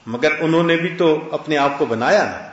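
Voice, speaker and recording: A man's voice: on the high side, a bit bright. A man giving a sermon, telling a story and quoting scripture in Arabic. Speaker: religious scholar. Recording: echoey dull lo-fi recording.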